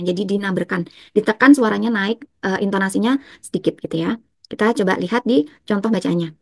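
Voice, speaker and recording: A woman's voice: medium pitch, no room sound. Young woman, patient tajwid teacher, dry close sound. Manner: patient, repetitive explanation, slows to chant examples. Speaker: Quran recitation teacher. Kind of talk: explaining tajwid rules step by step.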